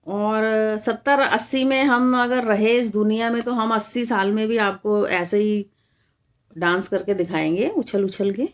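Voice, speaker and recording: A woman's voice: mid-range voice, takes it slowly, pauses often. A middle-aged woman from India hosting a casual live stream, talking straight to her viewers and firmly rebutting comments, repeating her points for emphasis.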